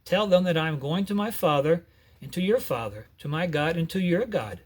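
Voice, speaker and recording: A man doing a gentle, loving male teacher. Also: on the high side, expressive, fairly quick. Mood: urgent. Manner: gentle, tender.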